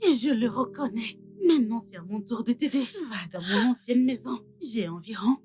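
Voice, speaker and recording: A woman's voice: a little high, moderate pace, a little mellow, soft background music, natural voice. An actress dubbing a scheming, scornful young woman in a French-language film drama. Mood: contemptuous. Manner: scornful, needling. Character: scheming, contemptuous young woman, Zaid's girlfriend.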